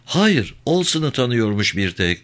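A man voicing a young male police colleague who reports briskly, in an audiobook reading. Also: medium pitch, big pitch swings, a bit bright. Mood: reporting.

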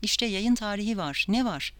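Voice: medium pitch, expressive, normal speed, a bit bright, no room sound, lightly acted. A reader voicing a confused male professor in an audiobook, asking puzzled questions.

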